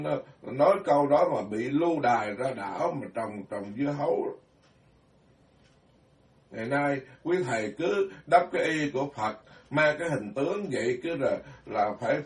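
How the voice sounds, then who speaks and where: A man, a Buddhist monk giving a blunt, scolding sermon with self-deprecating asides. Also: a little high. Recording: echoey room, far from mic.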